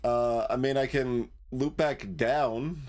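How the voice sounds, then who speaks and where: A man's voice: medium pitch, fairly even intonation, slow, darkish tone. A man streaming a video game, thinking aloud in a hesitant way with lots of fillers. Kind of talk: casual gameplay commentary.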